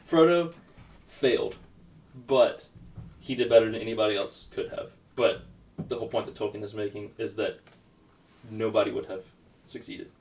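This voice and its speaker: A man's voice: lowish voice, moderate pace, long pauses, darkish tone. A man chatting as a podcast guest, enthusiastic and rambling, often searching for the right word. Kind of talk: casual chat. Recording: distant mic, faint background noise.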